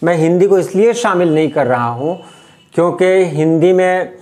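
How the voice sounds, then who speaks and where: A man teaching how to write letters, explaining patiently and repeating each point slowly. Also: fairly high pitch, darkish tone. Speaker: Urdu script teacher. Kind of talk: step-by-step writing lesson.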